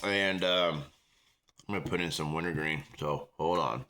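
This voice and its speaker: Casual American male reviewer, low register, rambling small-town chat. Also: normal speed, pushed and bright, a little hiss or hum. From small-town United States. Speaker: product reviewer.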